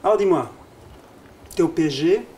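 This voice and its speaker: A man's voice: fairly high pitch, animated, normal speed, dark tone, slight background noise. A man interviewing a guest in a casual, familiar way. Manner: friendly, familiar questioning.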